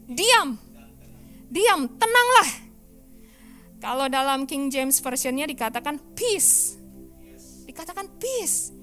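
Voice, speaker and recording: A woman pastor giving a lively sermon in church, often asking the congregation questions. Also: high voice.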